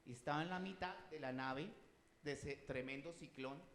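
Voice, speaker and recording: A man delivers a sermon in a somewhat high voice, growing loud and emphatic when he reads scripture aloud. He often asks the congregation questions. The room around him rings with echo. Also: normal speed, a little hiss or hum. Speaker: preacher.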